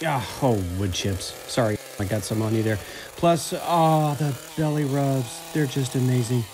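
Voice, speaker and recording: A man's voice: mid-range voice, moderate pace, noisy background, lightly acted. A man, a TV news reporter, voicing a playful wooden teddy bear who narrates a news feature in the first person with jokey, teasing asides.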